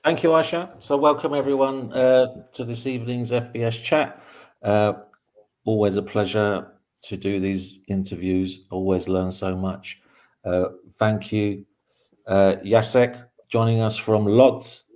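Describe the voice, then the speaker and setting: A man's voice: on the low side, steady tone, unhurried, darkish tone. A man hosting an online interview, welcoming guests in a chatty, easygoing way over a video call. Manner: friendly, chatty, laughs easily. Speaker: host. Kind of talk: casual interview.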